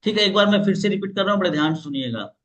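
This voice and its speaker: This high-pitched, expressive man talks very fast with a somewhat bright voice while hosting a live online sales training on a video call. Explaining how to call old leads, he plays both parties in example calls and keeps repeating questions.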